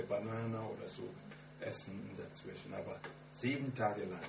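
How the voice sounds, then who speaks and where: A man preaching a sermon and telling his own story in halting German full of grammar slips. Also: on the low side. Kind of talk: sermon with personal testimony. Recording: echoey, muffled distant hall recording with hum.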